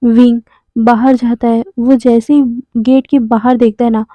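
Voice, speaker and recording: A woman's voice: a little high, level tone, measured pace, dark tone, dry recording. A woman casually narrating a fan story, chatty with small fillers. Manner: conversational, adds fillers like "ना" and "मतलब".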